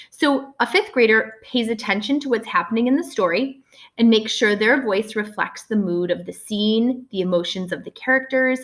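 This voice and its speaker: A woman's voice: mid-range voice, a bit bright. A woman teacher explaining a lesson in a casual way, full of filler words, often checking in with "right?".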